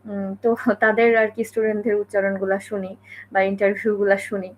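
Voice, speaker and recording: A woman's voice: medium pitch, little pitch movement, a little fast. A woman from Bangladesh giving a casual spoken lesson, talking in a conversational way and often checking in with the listener. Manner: conversational, many fillers and check-ins. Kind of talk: casual explanatory talk.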